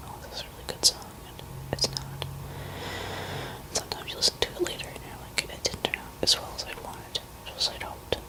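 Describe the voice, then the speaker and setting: Barely audible, breathy woman's whisper. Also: rough recording. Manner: hesitant, rambling, pausing mid-thought. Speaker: musician talking to listeners. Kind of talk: whispered ASMR ramble.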